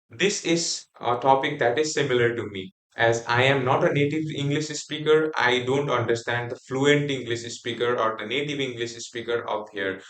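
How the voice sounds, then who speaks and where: A young Nepali man, a native speaker with a Nepali accent, gives a class group presentation full of fillers and restarts. His voice is mid-range and a bit bright, and the room is echoey.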